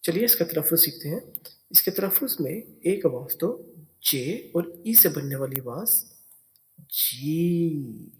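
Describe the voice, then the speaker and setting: A man's voice: on the high side, expressive, a little slow, darkish tone. A man teaching English spelling and pronunciation, spelling words out letter by letter. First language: Urdu.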